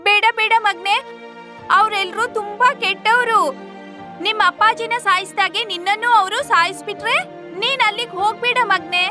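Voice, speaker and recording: A woman's voice: very high-pitched, fairly even intonation, normal speed, pitched above the performer's own voice. A woman voicing a protective mother lioness in a cartoon, recounting and pleading. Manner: pleading, storytelling. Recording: music under the voice.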